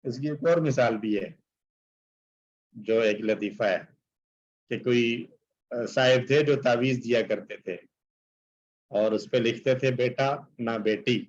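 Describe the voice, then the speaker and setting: A man's voice: mid-range voice, pauses often, dull audio. A male teacher giving an explanatory lecture, reciting Arabic verses and translating them, with many filler phrases.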